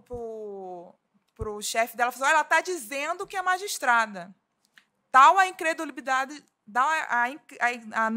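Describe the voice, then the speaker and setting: A woman's voice: high-pitched, bright, forceful tone. A woman from Rio de Janeiro, a labor judge, giving an earnest seminar talk and often restarting her sentences. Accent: Rio de Janeiro Portuguese. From Rio de Janeiro, Brazil. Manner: earnest, with frequent restarts and fillers. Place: conference hall.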